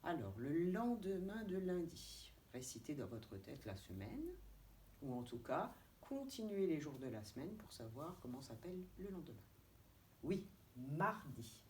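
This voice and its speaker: A woman kindergarten teacher with a French accent giving a remote lesson to young children, spelling out letters and syllables slowly and clearly. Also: low-pitched, sing-song, darkish tone. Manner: slow, deliberate, stretching out syllables and letters. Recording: distant mic with faint background noise.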